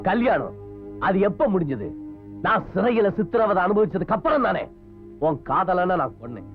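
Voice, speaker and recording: An actor playing a vengeful, domineering elder brother in a film melodrama, menacing and shouting in bursts. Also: male voice, high-pitched, sing-song, normal speed. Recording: dull lo-fi film soundtrack with music.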